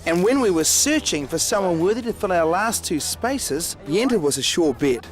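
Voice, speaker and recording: A man's voice: sits high, big pitch swings, normal speed, faint music behind. A man with a New Zealand accent, a head chef and host delivering scripted television narration.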